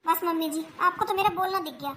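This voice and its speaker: Skit figure: bright high voice as a sulky young daughter-in-law, whiny and argumentative, faint hiss. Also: fast. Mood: arguing. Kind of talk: family comedy skit.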